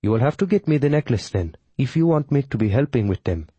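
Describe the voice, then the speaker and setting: A man putting on a cool, formal female witch with a Tamil accent, slightly raised from his own pitch. She speaks in measured, deliberate phrasing, the voice a touch husky and dry. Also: lively intonation, warm tone, no room sound. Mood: calm, formal.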